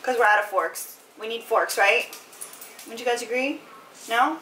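A woman's voice: fairly high pitch, unhurried, sharp tone, echoey room, recorded from a distance. A young woman vlogger talking to her dogs in playful, mock-earnest coaxing, with noisy room sound. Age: young adult. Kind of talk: playful chat to pet dogs. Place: living room at home.

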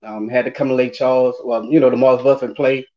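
A man's voice: medium pitch, fairly even intonation, fairly quick, darkish tone. A man in his forties with a New Orleans accent, chatting casually and hesitantly as an interview guest over a video call. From New Orleans, Louisiana. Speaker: interview guest, former college running back. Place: indoors, remote video call. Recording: dull lo-fi video call audio.

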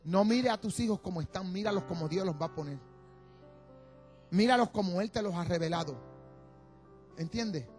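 A man's voice: sits high, moderate pace, pauses often, a little mellow, faint music behind. A man preaching a sermon, exhorting his congregation and leading them in call-and-response.

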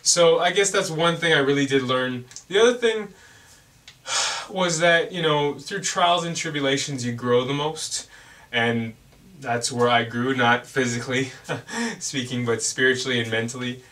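Earnest young man vlogging, bright voice. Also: mid-range voice, measured pace, distant mic. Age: young adult. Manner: rambling, earnest, many fillers and restarts. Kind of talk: casual reflective vlog.

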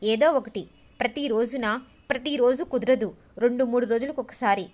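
Woman doing a bashful young working girl from a novel, soft, hesitant, kinda high pitched. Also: moderate pace, lightly acted. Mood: shy. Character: young woman office worker, shy and eager. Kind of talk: audiobook character reading.

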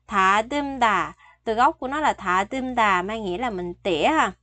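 A woman's voice: mid-range voice, moderate pace, sharp tone, dry recording. A Vietnamese-speaking woman teaching Korean phrases, explaining each word patiently and repeating the sentences. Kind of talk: bilingual vocabulary lesson.

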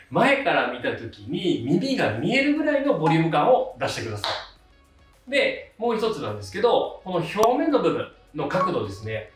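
A lively-pitched man, a hairdresser hosting his channel, gives casual step-by-step instructional narration for a tutorial. The sound is echoey, from a distant mic, with faint background music.

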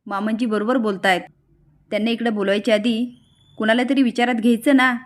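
Woman narrator as a sharp-tongued schemer, cunning, in a storytelling recap. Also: a little high, fairly even intonation, fairly quick, close to an everyday voice. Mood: scheming. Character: scheming young sister-in-law, sharp-tongued.

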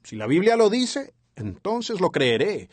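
Husky-voiced man dubbing a sermon. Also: sits high, big pitch swings, measured pace, no echo. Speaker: interpreter. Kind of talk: dubbed sermon translation.

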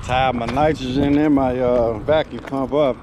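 A man talks casually about his repair as he works, relaxed and matter-of-fact. His voice sits in an ordinary middle pitch. A head-mounted camera picks him up outdoors, under loud machinery hum and wind. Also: measured pace. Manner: relaxed, talks while working with his hands. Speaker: HVAC technician. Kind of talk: casual work narration. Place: outdoors on a commercial rooftop. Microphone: head-mounted action camera. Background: loud rooftop AC unit and wind.

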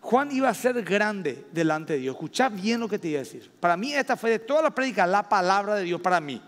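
A man with a Paraguayan Spanish accent preaching a sermon as pastor, stressing words slowly and rising loud at his high points. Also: sing-song. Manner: emphatic preaching with slow drawn-out stresses and sudden loud rises. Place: church hall. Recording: long reverb of a church hall.

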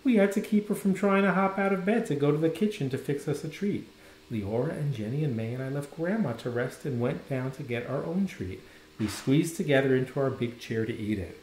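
A man reads a children's picture book aloud, his pitch rising and falling in a lively storyteller's way. The recording has a noticeable roomy echo, as if made in a bare room. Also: fairly quick, slight background noise. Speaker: storybook reader.

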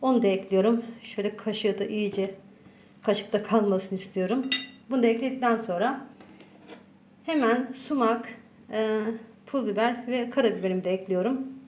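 A woman's voice: mid-range voice, normal speed, darkish tone. A woman hosting a casual home cooking tutorial, chatting to her viewers as friends while she works. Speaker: cooking channel host. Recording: roomy echo, faint background noise.

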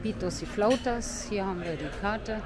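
Over loud music and the din of a busy crowd, a woman vlogger chats her way through a casual walking tour of a seaside promenade, pointing out sights as she goes. Her voice is medium in pitch and her pace is moderate.

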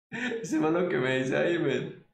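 A man's voice: a little high, animated, slow pace, vocal fry, reverberant, a little hiss or hum. A man, chatting casually as he reminisces about his old gaming videos and laughs often. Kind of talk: casual chat.

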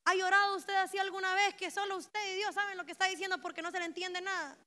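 A young woman with a Honduran Spanish accent preaches with fervor, her voice high and ringing. She swings from hushed, confiding lines to loud, urgent declarations. Her tone is bright and sharp, built for a conference hall. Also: level tone, fast talker. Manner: impassioned, rising to loud emotional peaks. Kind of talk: sermon.

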